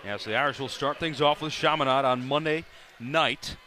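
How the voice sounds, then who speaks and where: A man doing live play-by-play for a college basketball game, brisk and rising sharply on big plays. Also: mid-range voice, steady tone, bright, forceful tone. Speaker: play-by-play announcer. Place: arena broadcast booth.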